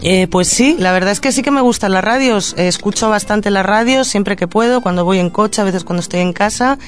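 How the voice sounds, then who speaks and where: Speaking in a mid-range voice with faint music in the background, this social educator and puppeteer from Madrid, Spain, is a guest in a radio studio. She responds to questions with earnest reflection, stopping now and then to gather her thoughts.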